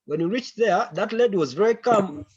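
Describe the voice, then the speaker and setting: A man's voice: high voice, lively intonation, a little mellow, breathy edge. Man on a conference call. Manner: halting, repeats words while searching for them. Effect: heard over a conference call. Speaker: meeting member giving a briefing. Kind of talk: briefing a committee meeting. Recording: muffled, lo-fi online call audio.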